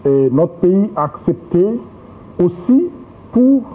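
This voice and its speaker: A man being interviewed for the news, explaining in a measured way. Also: high voice, big pitch swings. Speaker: official interviewed in a news piece. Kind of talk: interview statement. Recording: phone-like thin sound with faint noise.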